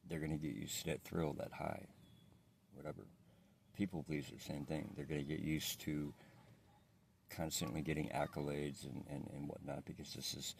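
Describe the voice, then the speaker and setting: A man speaking without his teeth, slightly slurred, in a reflective, halting, rambling confessional monologue as a vlogger in addiction recovery. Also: fairly even intonation, a little hiss or hum. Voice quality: toothless, slightly slurred speech from not wearing his teeth; very deep, gravelly, husky. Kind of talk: casual confessional monologue to camera.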